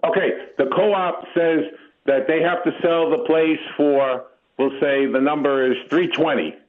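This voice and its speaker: A male caller comes through over the phone, the sound tinny and narrow. He talks at an unhurried, deliberate pace, laying out his question step by step in a slightly raised voice. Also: on the high side, fairly even intonation.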